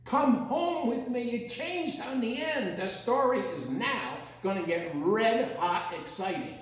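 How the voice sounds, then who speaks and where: A man with a very high, lively voice reads a story to children at an unhurried pace, theatrical and playful as he stretches out words. He adds asides and imitates sounds during the animated storytime, recorded in a very echoey room.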